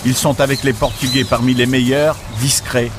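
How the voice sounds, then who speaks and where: A man's voice: mid-range voice, level tone, moderate pace. Male documentary narrator over music. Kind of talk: scripted narration.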